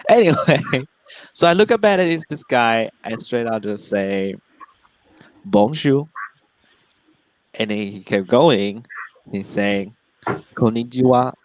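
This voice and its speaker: Man doing stand-up, lively pitch. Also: slow pace, long pauses, no echo, muffled recording. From Taiwan. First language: Mandarin Chinese. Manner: laughs at his own jokes, voice jumps high for punchlines. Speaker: stand-up comedian. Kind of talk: stand-up comedy set.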